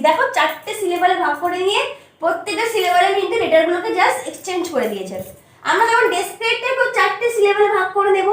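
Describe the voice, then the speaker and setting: A very high-pitched woman explains an exam-prep lesson one step at a time. She keeps stopping to check that her students follow. The voice comes from some distance in a strongly echoing room. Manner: step-by-step, often checks understanding with "তাই তো?" and "ঠিক আছে?". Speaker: teacher. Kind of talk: online exam-prep class. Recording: echoey room from far off.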